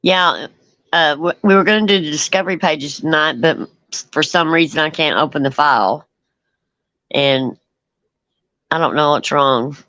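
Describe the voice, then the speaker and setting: A woman's voice: deep voice, normal speed, long pauses, a bit bright, dry recording, rough recording. A woman co-hosting a casual livestream chat, rambling and laughing easily. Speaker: co-host.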